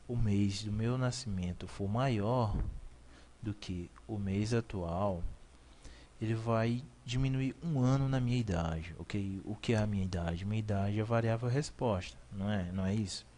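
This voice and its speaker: With a little background noise behind him, a male programming instructor in his 20s gives a beginner coding lesson by screen recording. His voice is fairly low and somewhat mellow. He repeats his explanations, fixes his own slips, and asks "ok?" to make sure viewers follow.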